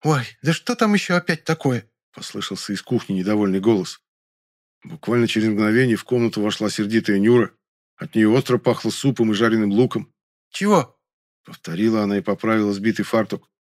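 A man voicing a frightened, simple-minded young peasant housemaid who squeaks and stammers through tears. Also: fairly even intonation, a little fast, a little mellow, lightly acted. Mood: grumbling, scared.

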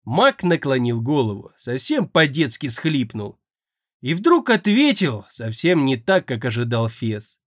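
A man narrating a fantasy audiobook in an expressive, theatrical way. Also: mid-range voice, a little slow, no room sound, clean studio sound.

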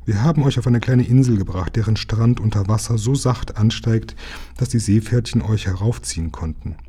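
A man reading aloud, voicing a friendly, proud young mermaid princess in a gentle, earnest way. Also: fairly low pitch, moderate pace, husky.

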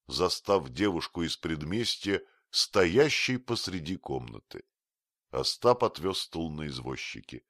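Deep-voiced male audiobook narrator, lively intonation, dry close recording. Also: no room sound. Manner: expressive, varied delivery.

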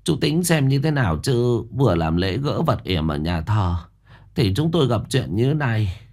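A man's voice: medium pitch, sing-song, moderate pace, darkish tone. A man voicing an anxious, bossy older village woman who presses and urges. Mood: urgent. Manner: urgent, insistent.

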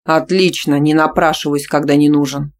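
A reader voicing a jealous, domineering young man who speaks loudly and sternly in a storybook reading. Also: medium pitch, steady tone, fairly quick, lightly acted. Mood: angry, stern. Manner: loud, stern, commanding.

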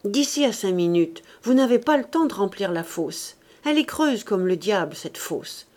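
A woman reading the part of a worried male gravedigger, low and quiet. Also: expressive, normal speed, lightly acted.

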